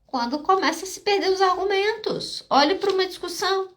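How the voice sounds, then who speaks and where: Emphatic high-voiced Brazilian woman psychologist. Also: brisk, fairly bright tone. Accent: Brazilian Portuguese. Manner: emphatic, direct, repeats key points with "ok?" and "tá?". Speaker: psychologist and podcast host. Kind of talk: live podcast talk answering audience questions.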